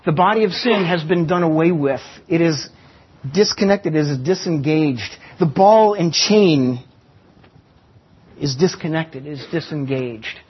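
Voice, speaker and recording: A man preaching a sermon, teaching with stories and slowing down for emphasis. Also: a little high, breathy edge. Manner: teaching with illustrations and slow emphatic pauses. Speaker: pastor. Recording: dull lo-fi sermon recording.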